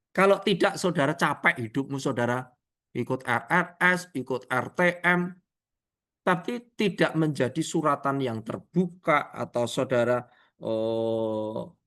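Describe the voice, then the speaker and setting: Dramatic evangelist, big swings. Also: male voice. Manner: swings widely in pitch and loudness, rising to near shouts and dropping to hushed asides; acts out prayers and quoted dialogue, addresses listeners as "Saudara". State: tearful when recalling prayer. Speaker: evangelist preacher. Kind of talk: sermon over online video call. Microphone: video call.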